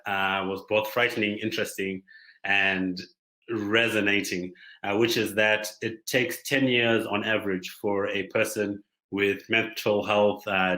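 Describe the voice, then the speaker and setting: A man's voice: on the low side, sharp tone. Thoughtful man speaking in an echoey room. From Zimbabwe. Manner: measured, thoughtful, many pauses and fillers. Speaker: startup founder giving a talk. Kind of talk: conference presentation.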